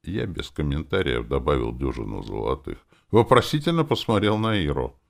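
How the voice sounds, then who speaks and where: Male audiobook narrator, deep and gravelly, deadpan delivery. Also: normal speed. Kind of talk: scripted narration.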